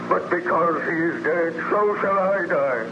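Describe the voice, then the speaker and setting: A man's voice: high voice, measured pace, highs cut off. An actor playing a bitter, anguished, lonely man-made monster in solemn, declamatory 1930s radio drama style. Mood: mournful, resolved. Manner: declamatory, solemn, theatrical, formal phrasing. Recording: noisy, band-limited 1930s radio recording.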